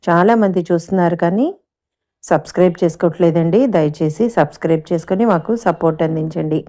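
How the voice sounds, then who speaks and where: Low, mellow-voiced woman storyteller. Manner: steady, plain narrating with direct appeals to listeners. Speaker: storyteller, channel host. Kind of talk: read-aloud story narration.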